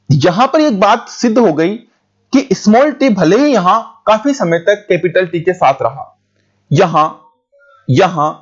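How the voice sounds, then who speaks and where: A male teacher with a high voice explains a biology lesson at speed. He repeats key points and keeps checking that his students follow. The recording is dull and lo-fi. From India.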